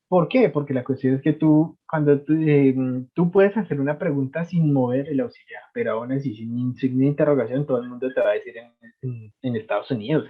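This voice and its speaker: A man, explaining English grammar to a class over a video call, chatty and repeating words as he goes. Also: fairly high pitch. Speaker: English teacher. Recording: tinny phone-like line.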